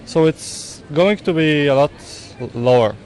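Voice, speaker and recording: A man answering street interview questions in a measured, matter-of-fact way. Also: fairly high pitch, a little mellow. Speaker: passer-by interviewee.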